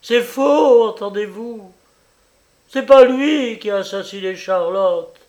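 A man voicing a fierce, desperate old peasant mother who pleads for her son in a high, shrill voice. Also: lively intonation, takes it slowly, darkish tone, heavily acted.

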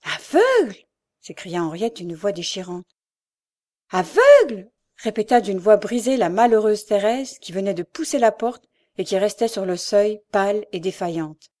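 A woman reading a story aloud in a subdued, measured voice. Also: mid-range voice, warm tone. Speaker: narrator. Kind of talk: scripted narration.

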